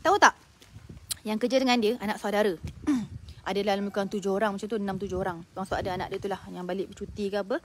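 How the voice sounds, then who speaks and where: A woman hosting a casual live stream, expressive and full of religious exclamations. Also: mid-range voice, rapid-fire, slight background noise.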